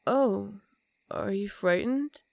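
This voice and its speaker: A woman playing an ancient, aristocratic vampire countess in an intimate ASMR roleplay, speaking softly and formally with a teasing, condescending manner and some whispered phrases. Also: medium pitch, slow, vocal fry, dry recording. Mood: quietly menacing.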